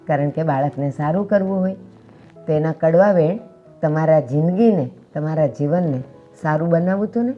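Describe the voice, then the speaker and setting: An actress playing a kind older mother-in-law who gently gives advice, in a short drama. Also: low-pitched, normal speed, muffled recording, faint music behind, close to an everyday voice. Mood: gentle. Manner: gentle, advising.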